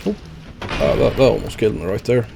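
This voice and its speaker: Over music, a man streams a video game with casual gameplay commentary in a fairly low, creaky voice at a fairly quick pace. He rambles with lots of fillers and chuckles at his own deaths.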